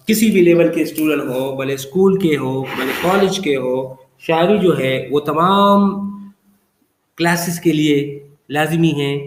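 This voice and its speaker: A man's voice: a little high, reverberant. A man teaching English poetry in a classroom lecture, patiently repeating terms and checking in often. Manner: patient, repetitive teaching with frequent check-ins. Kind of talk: classroom lecture explaining poetic feet.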